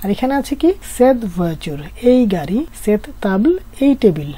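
Female teacher from Bangladesh, mellow tone, patient step-by-step grammar lesson. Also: medium pitch, sing-song, moderate pace. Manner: patient, explaining step by step with rhetorical questions. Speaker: French teacher.

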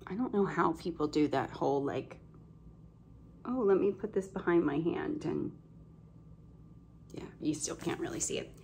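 A woman's voice: low voice, moderate pace, gravelly, long pauses, a little mellow, slight background noise. A woman vlogging about her cross-stitch projects in a casual, rambling show-and-tell way, with lots of ums and self-corrections, a bit congested. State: slightly congested, coughing now and then.

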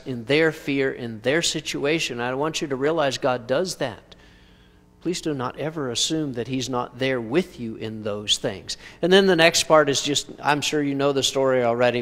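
A man preaches in a church, talking to his congregation in a relaxed, conversational way and slipping in rhetorical questions and dry humor. His voice sits a little high for a man. His words ring out with a long reverb. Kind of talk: sermon. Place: church sanctuary.

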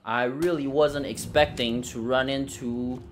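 A man giving casual let's play commentary on a game, excitable and cursing, with sudden shouts. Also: medium pitch, unhurried, slight background noise. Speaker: gamer.

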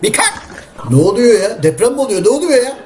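A man's voice: very high voice, very animated, fast. A man voicing cheeky, slangy talking dogs in a comedy voice-over of pet videos. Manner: streetwise, joking, exasperated. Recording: voice-over with loud background music.

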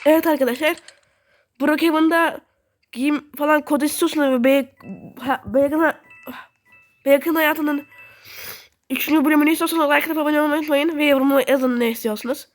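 A young woman giving casual, excitable commentary while playing a game and talking to her viewers. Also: sits high, a little fast, soft background music. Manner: chatty, excitable, talks to viewers. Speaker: gaming video host.

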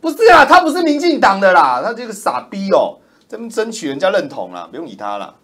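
A man's voice: high voice, wildly swooping pitch, fast talker. Roaring, mocking man. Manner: loud, roaring, mocking, insulting. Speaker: political commentator. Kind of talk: ranting livestream commentary.

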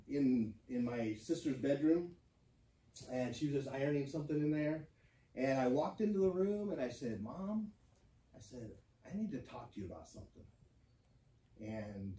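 A man's voice: medium pitch, warm tone, slight background noise. A man teaching a church Bible class, telling a personal story with many ums and restarts. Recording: echoey room, mic from far off.

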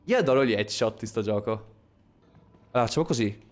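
A man streaming a horror game, talking to his viewers as he plays. His pitch swings widely as he goes from grumbling under his breath to sudden yelled outbursts and strings of curses. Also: a little hiss or hum. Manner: swearing, excitable, quick shifts from muttering to yelling. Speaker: gaming streamer. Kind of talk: live gameplay commentary.

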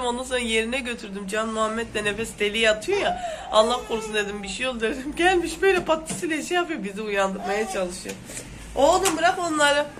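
Chatty sick woman, fairly high voice. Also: noisy background. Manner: chatty and exclamatory, complaining. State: sick with a sore throat. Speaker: vlogger host. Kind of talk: casual home vlog chat. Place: at home, indoors.

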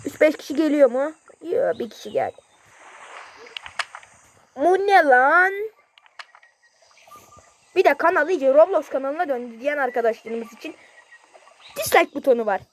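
A man giving casual, excitable gameplay commentary in slangy speech, yelping at sudden moments. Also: very high-pitched, a little slow, long pauses, a little hiss or hum. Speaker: gameplay streamer.

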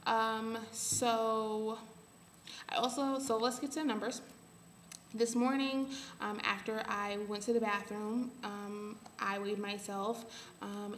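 Young woman, mid-pitched voice, casual video diary, halting delivery, roomy home recording. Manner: halting, thinking aloud. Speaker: vlogger. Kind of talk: casual update to camera. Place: small bare room at home. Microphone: webcam or laptop at arm's length. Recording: echoey room, faint background hiss.

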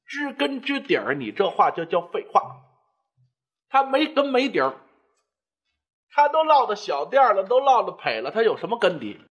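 A male storyteller voicing a sharp-tongued older wife who scolds her husband sarcastically. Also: sits high, sing-song, normal speed, long pauses. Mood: sarcastic.

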